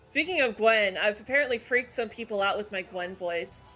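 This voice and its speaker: A woman's voice: medium pitch, lively intonation, normal speed, bright, forceful tone. A woman hosting a casual gaming chat, opinionated and analytical, talking with lots of "like" fillers. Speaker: channel host. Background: faint background music.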